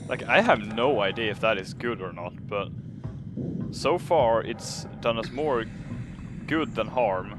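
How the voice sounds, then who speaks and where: A gaming video host does casual let's play commentary, musing hesitantly to himself in a lowish, expressive, slightly slow voice. It's a voice-over with loud game music behind it, making the background noisy.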